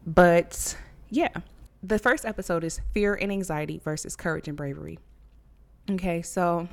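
Young woman, solo podcast host, low-pitched voice, casual and candid, cursing, handheld mic at home. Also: darkish tone. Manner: chatty and candid, curses freely, laughs often. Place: living room at home.

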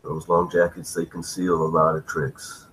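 A man's voice: low voice, monotone, normal speed, fairly bright tone, slight background noise, low-quality recording. A man voicing a wary saloon barman with folksy western phrasing in a tabletop game. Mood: wary advice. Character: male saloon barman, low-key, warning of danger.

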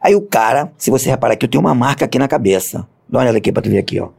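Rio cop guy, gravelly husky voice, talks super fast, acts out everyone in his stories. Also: medium pitch. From Brazil. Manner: animated storyteller acting out quoted voices, coarse slang. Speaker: police officer guest. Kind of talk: casual storytelling interview.

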